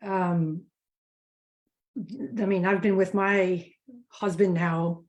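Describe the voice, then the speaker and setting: A woman's voice: on the low side, flat delivery, very slow, darkish tone, lo-fi sound. A woman from New Jersey, a guest coach in an interview, speaking in a friendly, reflective way. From United States, New Jersey. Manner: friendly, reflective, laughs easily. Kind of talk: casual interview chat.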